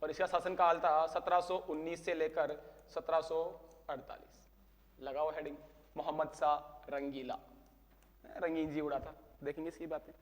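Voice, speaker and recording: A man's voice: a little high, little pitch movement, normal speed, big-room sound. A man teaching a history class, telling stories and acting out dialogue with humor. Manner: storytelling, acts out dialogue with humor. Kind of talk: casual classroom history lecture. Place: coaching classroom.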